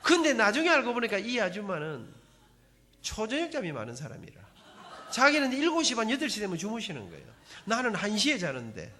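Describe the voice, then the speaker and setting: A man's voice: high-pitched, fairly quick. A middle-aged man with a Gyeongsang Korean accent, giving a church testimony as dramatic storytelling to the congregation. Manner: animated dramatic storytelling, addresses audience. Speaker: speaker giving a faith testimony.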